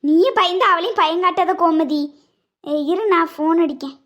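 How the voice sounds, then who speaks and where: Woman playing a calm sister-in-law. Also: very high voice, normal speed. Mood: reassuring. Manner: reassuring, matter-of-fact. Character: calm older sister-in-law, reassuring housewife. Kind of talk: cartoon voice acting.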